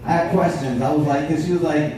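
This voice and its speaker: A man's voice: on the high side, fairly even intonation, quick pace, warm tone, slight background noise. Brash, profane male stand-up comic. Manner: brash, profane, banters with the audience. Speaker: stand-up comedian. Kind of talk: stand-up comedy set. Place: comedy club stage with live audience. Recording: echoey club room, distant, crowd laughter.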